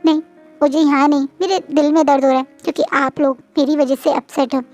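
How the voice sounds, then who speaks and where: A woman's voice: high voice, steady tone, brisk, darkish tone, no room sound, soft background music, lightly acted. A woman voicing a tearful young man who is pleading and apologizing to his parents in a storybook reading.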